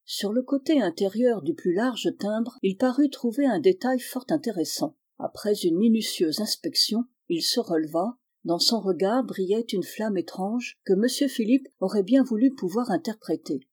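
A woman calmly narrating a novel in a measured storytelling voice. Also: mid-range voice, husky. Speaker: audiobook reader.

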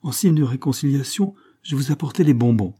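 A man's voice: medium pitch, expressive, fairly quick, dark tone, breathy edge, pitched above the performer's own voice. A male reader voicing a jovial American man who coaxes and teases. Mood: cheerful.

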